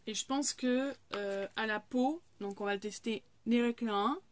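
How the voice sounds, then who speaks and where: A woman's voice: a little high, moderate pace. A woman in her thirties chatting casually through a haul video, with many fillers and restarts. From France. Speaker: haul vlogger.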